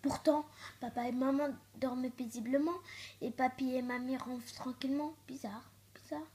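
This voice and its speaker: A woman reading a children's storybook aloud, expressive and dropping to hushed tones for suspense. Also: sits high, moderate pace. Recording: echoey room.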